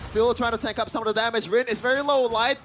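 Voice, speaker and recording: A man doing live esports commentary, excitable and quick to exclaim. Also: extremely high pitch, a little hiss or hum. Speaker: esports shoutcaster.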